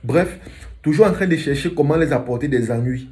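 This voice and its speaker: A man's voice: fairly high pitch, fairly quick, mellow. A man hosting a reaction video, speaking earnestly to his viewers in an emotional, moralising commentary. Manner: earnest, preachy.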